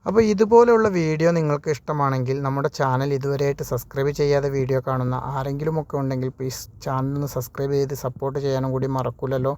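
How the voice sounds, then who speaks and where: A man's voice: mid-range voice, fairly even intonation, fast talker, few pauses, a little mellow. A man teaching spoken English online, asking a question, answering it himself, and repeating each word for drilling. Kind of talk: online language lesson.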